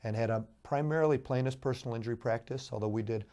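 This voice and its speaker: A middle-aged man speaks with a hoarse, cold-roughened voice that sits warm and dark. He tells his background as a judicial candidate in an earnest, measured way, pausing on fillers as he goes. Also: medium pitch. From Chicago, USA. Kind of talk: interview guest.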